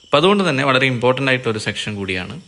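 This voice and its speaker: A man with a Malayali accent teaching an English exam lesson, explaining in Malayalam and reading English definitions slowly. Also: mid-range voice, sing-song, sharp tone. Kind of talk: recorded online lecture.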